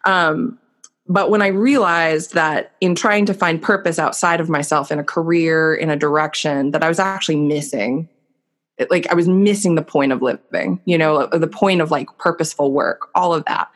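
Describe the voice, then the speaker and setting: A low-pitched woman in her thirties talks at normal speed with fairly even intonation while recounting her life as a podcast guest. It's candid, reflective storytelling, earnest and heavy on fillers.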